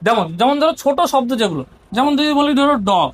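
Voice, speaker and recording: A woman's voice: high-pitched, sing-song, fast talker. A woman teacher with a Bengali accent explaining grammar step by step and often checking that her students are following. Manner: explains step by step, often asks "ঠিক আছে?".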